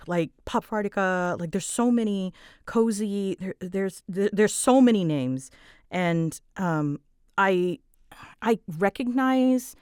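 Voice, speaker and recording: A woman with a medium-pitched, slightly mellow, clean voice talks casually in clean, echo-free studio sound. An audio creator and voice actor, she responds to listener questions unscripted: scattered, giggly and nervous, often interrupting herself as her thoughts jump around.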